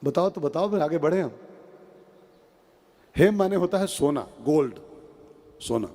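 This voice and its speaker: A man's voice: on the high side, a little slow, in a large hall. A man giving a devotional discourse, telling stories with acted-out dialogue and asking the audience questions. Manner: animated storyteller, acts out dialogue, asks the audience questions. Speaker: preacher.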